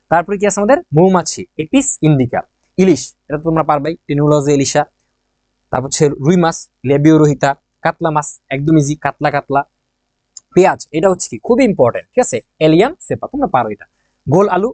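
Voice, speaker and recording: A quick, slightly high-voiced man runs an exam-prep lesson in a chatty, joking way. He keeps asking his own questions and answering them, and he repeats the key points. His voice is close to the mic in a dry room. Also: a little mellow, no echo. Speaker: teacher.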